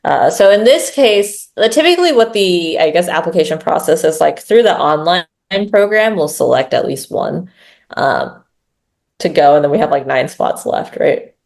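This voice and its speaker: A growth lead with a low, gravelly, darkish voice chats casually as an interview guest, animated and at a moderate pace. She's chatty, uses lots of fillers, and often adds tag questions.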